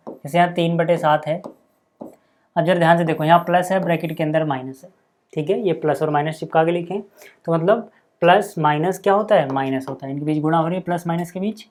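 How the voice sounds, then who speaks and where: A man teaching a maths lesson step by step, dictating numbers slowly and checking in constantly with his students. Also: a little high, a little mellow.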